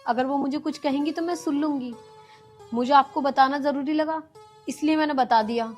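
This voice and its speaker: A woman's voice: high-pitched, close to an everyday voice. A woman playing a patient, put-upon daughter-in-law. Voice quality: pleading, earnest. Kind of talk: rural comedy drama acting.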